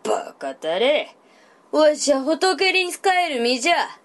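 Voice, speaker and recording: A gruff old Buddhist monk, as a woman puts him on, grumbling in old-fashioned country speech. The pitch swings widely between growls and outbursts, in storybook style. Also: sing-song, slow, exaggerated voice. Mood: stern.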